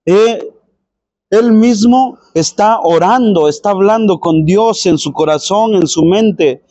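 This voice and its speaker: A man's voice: high voice, slow pace. A male priest with a Mexican accent, giving a conversational sermon and often asking rhetorical questions. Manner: conversational, animated, asks repeated rhetorical questions.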